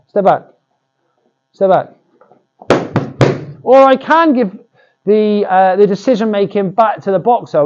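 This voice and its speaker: Higher-voiced male boxing pad coach, dull audio. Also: a little hiss or hum. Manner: boxing pad coach calling short cues and encouragement. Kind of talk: hands-on pad work instruction, demonstrating drills.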